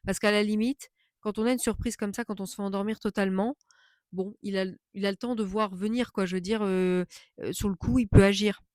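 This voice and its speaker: A woman's voice: mid-range voice, fairly even intonation, a little fast, a little mellow, dry recording. A woman vlogger chatting casually as she tells a personal story, indignant and emphatic, often repeating phrases for stress.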